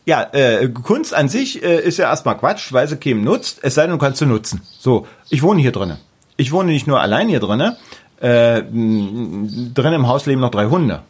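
A middle-aged man with a German accent talks about his self-built house in an interview. He is emphatic and often repeats words for stress. His voice sits at a medium pitch with a husky edge. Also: very animated, normal speed. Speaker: artist building his house. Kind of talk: casual interview talk.

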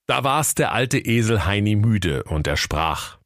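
A man narrating a comic fairy tale in a dry, deadpan way. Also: fairly low pitch, a little slow, no room sound.

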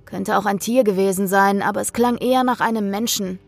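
A woman's voice: mid-range voice, steady tone, brisk, vocal fry, no room sound, soft background music. A woman voicing a nervous, blunt male cameraman in a horror story, talking uneasily and curtly. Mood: uneasy. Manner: uneasy, hissing, curt.

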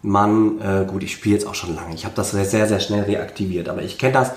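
Man host with a lowish voice, patient explaining manner, in a roomy space. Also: fairly even intonation, fairly quick. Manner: explaining, advice-giving. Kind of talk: casual podcast chat, advice. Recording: roomy sound.

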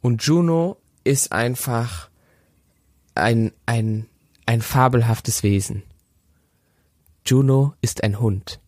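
A man's voice: medium pitch, takes it slowly, long pauses, darkish tone, no room sound, clean studio sound. A man in his late twenties co-hosting a casual podcast over a remote call, rambling with many fillers and restarts. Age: late 20s. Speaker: podcast co-host. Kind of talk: casual chat. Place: holiday house. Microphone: remote call with a shaky connection.

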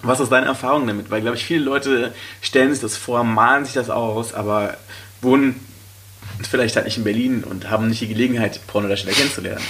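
A man's voice: mid-range voice, quick pace. A man hosting a podcast, chatting casually and asking his guest follow-up questions. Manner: relaxed, asks short follow-up questions. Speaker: podcast host. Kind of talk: casual interview.

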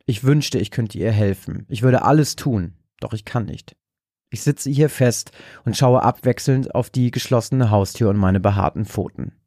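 A man narrating a dark horror story in a slow, measured way. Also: mid-range voice, dry recording, clean studio sound. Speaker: podcast host and story narrator.

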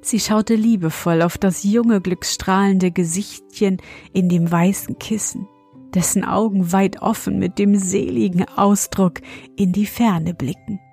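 Slow, calm woman reading a fairy tale. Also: medium pitch, creaky, breathy edge, faint music behind. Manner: calm, measured and expressive. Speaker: storyteller.

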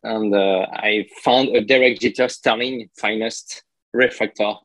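Slow, halting Frenchman translating in his head. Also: fairly low pitch, fairly even intonation, a bit bright, no room sound, rough recording. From France. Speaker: podcast guest and card collector. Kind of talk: casual interview storytelling.

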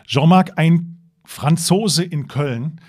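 A man hosting a podcast interview, asking clear, measured questions. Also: a little high, darkish tone. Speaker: podcast host.

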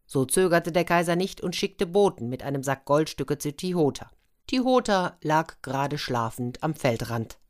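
Low-voiced woman telling a fairy tale. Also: lively intonation, moderate pace. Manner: chatty, with asides to listeners. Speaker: storyteller. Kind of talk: reading a fairy tale aloud.

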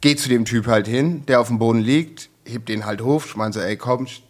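A man's voice: medium pitch, a little fast. A young man co-hosting a casual podcast, telling a story with lots of slang and acting out the quotes. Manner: animated storytelling, acts out quotes, filler-heavy slang. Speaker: podcast co-host.

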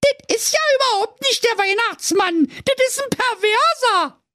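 A man voicing a chubby little girl in a shrill, shrieking falsetto. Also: animated, measured pace, pushed and bright, dry recording, clean studio sound, full character voice. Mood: shocked.

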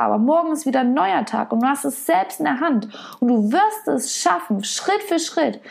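A woman's voice: high-pitched, gravelly. A woman coach speaking directly to the listener in an earnest, coaxing self-help monologue, repeating phrases for emphasis. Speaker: women's self-love and nutrition coach.

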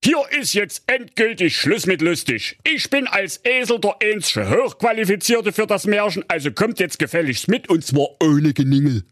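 A man doing a high-voiced donkey-zebra. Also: animated, normal speed, hardly any pauses, fairly bright tone, no room sound, clean studio sound. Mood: bossy. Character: donkey turned zebra, male, bossy then earnest.

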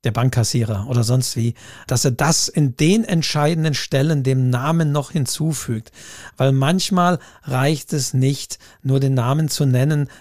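A man co-hosting a chat podcast, explaining slowly and deliberately and speaking to listeners directly. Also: mid-range voice, darkish tone, no room sound, clean studio sound. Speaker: podcast co-host. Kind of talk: casual chat.

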